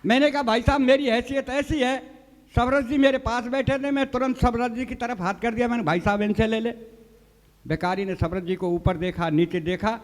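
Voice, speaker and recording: A very high-pitched male voice at normal speed fills a large hall as a comic poet performs humorous poems and tales at a live poets' gathering. He acts out the quoted dialogue and addresses the audience as "sahab."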